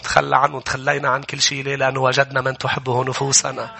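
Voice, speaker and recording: Forceful, husky preacher man. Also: medium pitch, monotone, very fast. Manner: impassioned preaching, often rising to shouts. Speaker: pastor. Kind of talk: sermon.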